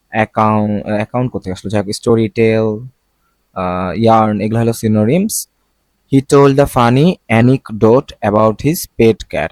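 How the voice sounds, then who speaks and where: Low-voiced Bangladeshi man teaching vocabulary. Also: a little mellow, no room sound. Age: young adult. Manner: chatty, self-correcting, checks pronunciation aloud. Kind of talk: casual lesson explaining words.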